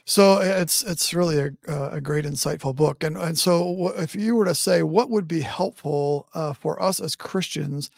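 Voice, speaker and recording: A man's voice: fairly high pitch, normal speed, vocal fry, hardly any pauses, no echo, studio quality. A man hosting a podcast as a pastor, chatting casually with lots of filler sounds. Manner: friendly, many filler sounds.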